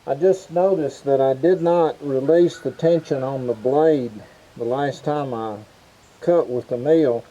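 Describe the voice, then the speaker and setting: A man's voice: medium pitch, measured pace, dark tone. A man talking casually to the camera as a sawmill vlogger, his voice muffled through a face mask. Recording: dull, muffled sound.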